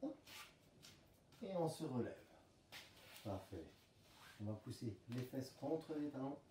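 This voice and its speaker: A man leading a home pilates class, calmly calling out breathing cues and movements. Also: medium pitch, takes it slowly, a little hiss or hum. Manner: calm coaching cues, breath counting. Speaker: pilates instructor. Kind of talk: guided workout instruction. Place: room at home. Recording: roomy, distant camera mic.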